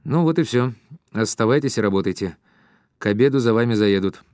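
A man's voice: mid-range voice, lively intonation, a little fast, a little mellow, clear, resonant tone, no echo, studio quality, close to an everyday voice. A man reading an audiobook voices a middle-aged male chief who gives curt, authoritative orders. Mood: brisk commanding.

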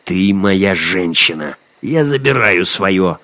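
A man voicing a brutal, gloating young male hunter who shouts and mocks in a storybook reading. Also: low voice, expressive, slow pace, no room sound, full character voice. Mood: shouting. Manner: shouting, menacing, mocking. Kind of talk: audiobook character acting.

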